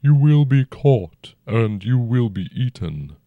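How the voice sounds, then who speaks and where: A man voicing a huge, very old and noble dragon who speaks slowly and formally with a rumbling tone. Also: big pitch swings, dry recording, narrow, tinny audio. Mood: stately, probing. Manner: slow, stately and formal, old-fashioned speech. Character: ancient noble dragon, huge, calm and probing.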